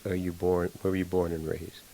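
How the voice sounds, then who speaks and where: Deep-voiced rambling male co-host. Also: level tone, a little fast, gravelly, mellow. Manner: rambling, filler-heavy. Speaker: podcast co-host. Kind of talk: casual interview chat.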